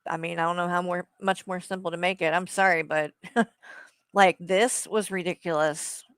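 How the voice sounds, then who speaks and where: A woman's voice: fairly low pitch, steady tone, normal speed, a bit bright, clear, resonant tone, no echo. A woman streamer giving heated live commentary, blunt and profane, talking straight at the person she criticizes. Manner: blunt, profane, addresses someone directly.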